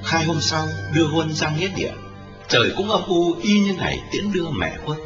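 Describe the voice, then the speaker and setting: A man narrating a dramatic story, expressive in his storytelling. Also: on the high side, moderate pace. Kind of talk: dramatic audiobook reading. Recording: roomy, lo-fi, distant, with music.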